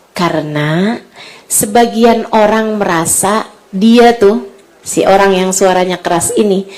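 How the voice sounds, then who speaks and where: A woman giving an Islamic sermon to mothers, moving between soft, hushed advice and lively raised storytelling. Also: mid-range voice. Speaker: preacher.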